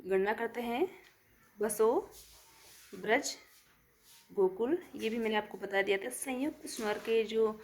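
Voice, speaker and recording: A woman's voice: mid-range voice, a little hiss or hum. A woman teaching a Hindi verse-meter lesson, counting syllables aloud and answering her own questions.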